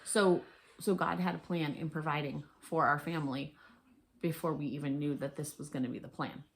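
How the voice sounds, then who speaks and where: A woman's voice: low-pitched, steady tone, normal speed, a little hiss or hum, rough recording. Earnest woman in casual family chat. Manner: earnest, chatty, many "like" fillers. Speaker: co-host of family channel. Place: family home.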